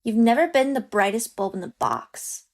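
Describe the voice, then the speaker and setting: A woman's voice: a little high, lively intonation, moderate pace, vocal fry. A woman voicing a condescending young woman who owns a company and scolds her employee. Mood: scolding. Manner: curt, scolding, superior.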